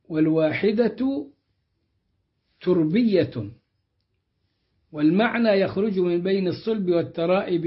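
A man teaching a Quran commentary lesson, explaining verses in a measured way and slowing down when he quotes them. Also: sits high. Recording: dull lo-fi recording.

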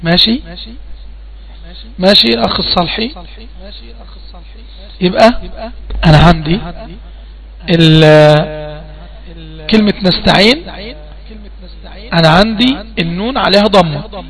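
In an online class, a man with an Egyptian Arabic accent teaches Quran recitation rules, quizzing his student and repeating questions to prompt answers. His voice sits high and is a bit bright and creaky, at a measured pace with frequent pauses.

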